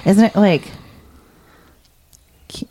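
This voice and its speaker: A woman co-hosting a casual podcast, teasing and blunt, firing quick questions. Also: mellow, a little hiss or hum. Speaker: podcast co-host. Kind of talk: casual chat.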